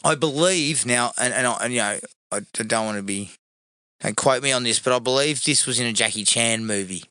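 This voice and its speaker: A man's voice: medium pitch, a little fast, clean tone, no room sound. A man, co-hosting a casual movie commentary podcast while getting over a cold, joking and swearing. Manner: animated, swearing, jokey. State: recovering from a cold. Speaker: podcast co-host.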